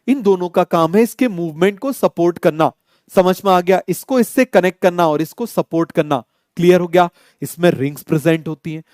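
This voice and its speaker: A man's voice: sits high, darkish tone, clean tone, no room sound, studio quality. A young man teaching a biology lecture, quizzing his students with repeated call-and-answer questions and mixing in English terms with an Indian accent. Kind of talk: online exam-coaching lecture.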